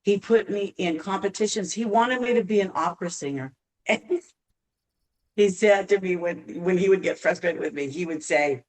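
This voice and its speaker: A woman from Arizona, a singer guest on a podcast, telling long stories with halting restarts. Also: fairly low pitch, recorded from a distance, low-quality recording. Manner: halting, many restarts, laughs while telling. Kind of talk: podcast interview storytelling.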